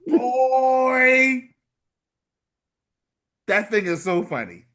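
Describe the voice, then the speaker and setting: Male co-host, high and lively voice, laughs easily, casual movie chat. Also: normal speed, slightly rough. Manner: laughs often, quotes scenes with gusto. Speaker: podcast co-host.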